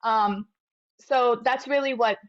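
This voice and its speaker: A woman in her thirties, a medical graduate appearing as an interview guest, tells her story earnestly and reflectively, stumbling through lots of fillers and restarts. Her voice sits on the high side, with fairly even intonation and a slow pace. The lo-fi audio sounds a bit dull.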